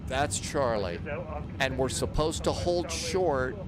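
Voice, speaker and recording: A man's voice: medium pitch, lively intonation, takes it slowly, a crowd in the background. A man hosting a flight simulator livestream, chatting casually and thinking aloud as he narrates his steps. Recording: clear aircraft engine noise behind. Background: simulator aircraft noise.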